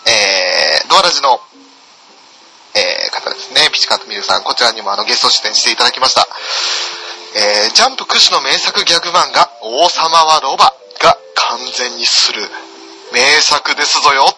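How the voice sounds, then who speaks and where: Very bright-voiced man reading listener mail. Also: medium pitch, animated, a little fast, vocal fry, slight background noise, poor audio. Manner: bright, laughing, teasing. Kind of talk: casual chat.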